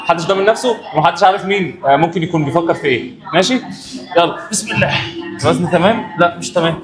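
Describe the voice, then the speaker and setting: A man's voice: high voice, very fast, over music. A man with an Egyptian accent vlogging his workout in a gym, joking with the cameraman and giving coaching tips. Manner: joking, teasing banter between sets; coaching instructions. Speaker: fitness vlogger. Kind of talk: casual workout vlog.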